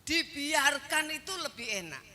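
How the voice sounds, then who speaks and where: A woman pastor delivering an interactive sermon, questioning her congregation in a slow, emphatic way. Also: high voice, very animated, sharp tone.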